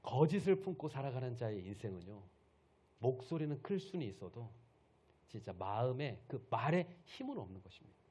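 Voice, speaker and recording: A man's voice: mid-range voice, sing-song, normal speed, warm tone, slightly rough. A male pastor preaching a Sunday sermon, retelling a story and putting questions to the congregation.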